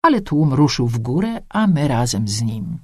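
A woman narrating a first-person story with a lively, expressive reading. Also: a bass voice, moderate pace, slightly rough, dry recording, clean studio sound.

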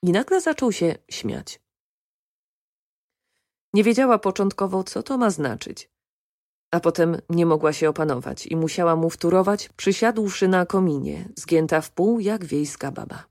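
A woman narrating an audiobook with a calm, even reading. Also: on the low side, measured pace, no room sound, clean studio sound. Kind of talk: scripted narration.

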